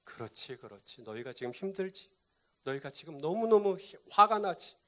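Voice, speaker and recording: A man voicing a gentle God figure, soft, hushed, soothing. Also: sits high, expressive, moderate pace, voice pushed up. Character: gentle comforting God speaking to people.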